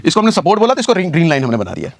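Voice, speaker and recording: A man with a high voice talks quickly through a screen-share trading lesson, walking step by step over a chart and repeating key points. He talks casually to the viewer as a brother and keeps asking rhetorical questions. The sound is dry and close. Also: wildly swooping pitch, creaky, dry recording. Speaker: trading teacher.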